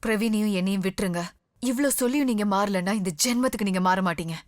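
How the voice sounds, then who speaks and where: A woman's voice: sits high, expressive, fast, a bit bright. An actress playing a defiant young woman standing up to her father over her marriage, in a dubbed film drama. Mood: cold resolve. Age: young adult. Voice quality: pleading, defiant. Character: defiant young daughter who married for love. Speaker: daughter. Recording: film soundtrack with music behind.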